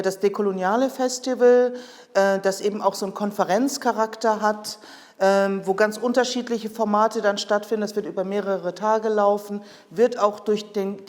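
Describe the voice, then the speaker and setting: A woman's voice: medium pitch, darkish tone. Woman explaining with many fillers. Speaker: head of a project department. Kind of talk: explaining in an interview. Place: project room in Berlin. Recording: reverberant room sound.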